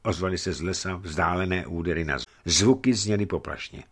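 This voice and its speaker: Low-voiced man reading a story. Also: fairly bright tone, breathy edge. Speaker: narrator.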